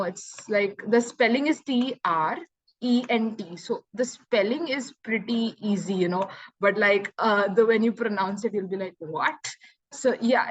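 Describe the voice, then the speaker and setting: A young woman with an Indian English accent, teaching French in a chatty, encouraging way and counting numbers aloud slowly. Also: mid-range voice, no room sound, low-quality recording. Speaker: French tutor. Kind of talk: online language lesson.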